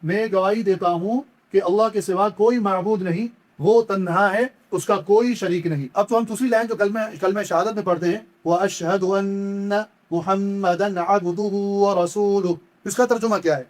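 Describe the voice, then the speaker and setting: A man teaching correct pronunciation in a religious lesson. He explains each mistake patiently and repetitively, then chants the words slowly and stretches them out. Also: high-pitched, a little mellow. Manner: corrects errors, then demonstrates slow, drawn-out chanted recitation. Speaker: Quran recitation teacher.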